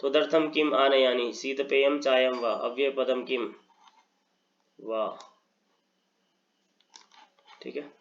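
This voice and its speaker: A man's voice: medium pitch, steady tone, slow pace, pauses often, dull audio. A man, a Sanskrit teacher walking through exam answers, mixing Hindi and English, his throat tired. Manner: mixes Hindi and English, explains step by step.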